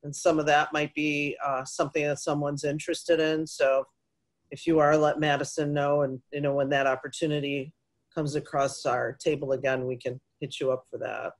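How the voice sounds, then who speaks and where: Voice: mid-range voice, flat delivery, moderate pace. Easygoing meeting organizer. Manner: easygoing, encouraging, conversational. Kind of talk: casual meeting talk.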